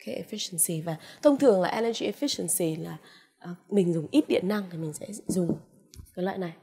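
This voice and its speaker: Woman, Vietnamese accent, English teacher; drawn-out word drills, patient coaxing delivery with "ok" fillers. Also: lowish voice, gravelly, warm tone, husky. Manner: slow, drawn-out repetition of English words; frequent "ok" and "à" fillers, coaxing "đúng không ạ?". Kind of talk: vocabulary lesson with pronunciation drills.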